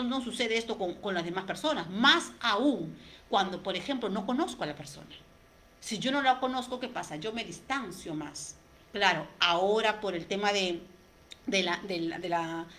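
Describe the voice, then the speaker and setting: A woman giving an expressive talk on communication, speaking straight to her listeners with rhetorical questions and dropping to a soft, quiet voice to stress a point. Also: mid-range voice, a little hiss or hum. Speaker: communication coach. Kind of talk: motivational talk to camera.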